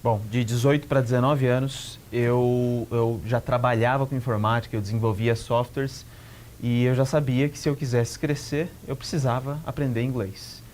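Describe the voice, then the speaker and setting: A man with a Brazilian Portuguese accent, a guest entrepreneur calmly telling his life story in an interview. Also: medium pitch, normal speed, slight background noise. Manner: calm storytelling with small restarts.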